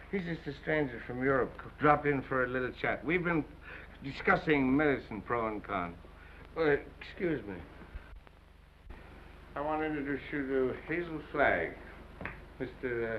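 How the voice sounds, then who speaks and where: An actor playing a befuddled, folksy and tipsy small-town doctor, rambling along in 1930s screwball film style. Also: male voice, medium pitch, normal speed, pauses often, natural voice. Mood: genial, muddled. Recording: muffled, hissy 1930s film soundtrack.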